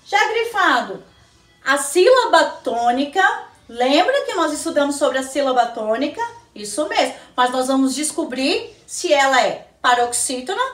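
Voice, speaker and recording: A woman teacher with a Brazilian Portuguese accent giving a recorded lesson to young children, slowly asking questions and answering them herself. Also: high-pitched, distant mic. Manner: slow, sing-song teacher talk, answers her own questions. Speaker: primary school teacher. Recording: echoey room, slightly off-mic.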